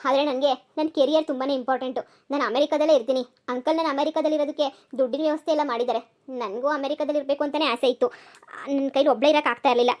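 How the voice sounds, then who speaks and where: A voice actor doing a calm career-minded young woman. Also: sits high, natural voice. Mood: calm, explaining. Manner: measured, polite, mixes in English words. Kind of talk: cartoon comedy voice acting.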